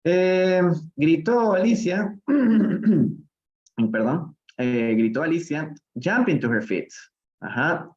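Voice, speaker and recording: A Peruvian man with a somewhat high, slightly mellow voice and lively intonation teaches English over a live stream, heard through dull audio. During the reading lesson he explains phrases in Spanish at a slow pace, alternating languages and often asking "¿no?".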